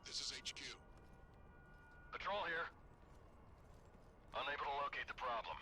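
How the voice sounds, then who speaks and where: A man's voice: medium pitch, measured pace. An actor playing a dutiful male patrol soldier in a video game, speaking in clipped military phrases over a crackly old field radio line.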